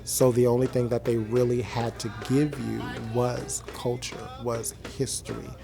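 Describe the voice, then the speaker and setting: Creaky-voiced man over music. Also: mid-range voice, little pitch movement. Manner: earnest, deliberate. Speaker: member of a traditional singing group. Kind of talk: reflective documentary interview.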